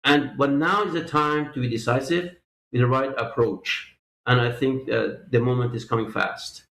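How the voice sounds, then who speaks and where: A man's voice: medium pitch, moderate pace, a bit bright. Emphatic male interview guest, roomy sound. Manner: emphatic, repeats key points. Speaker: political guest. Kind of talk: interview answers.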